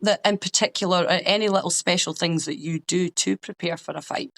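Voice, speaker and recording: A man's voice: high-pitched, fairly even intonation, brisk, fairly bright tone. A man interviewing a fighter in a casual chat, agreeing often and asking open questions. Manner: agreeable, frequent "yeah", "a hundred percent".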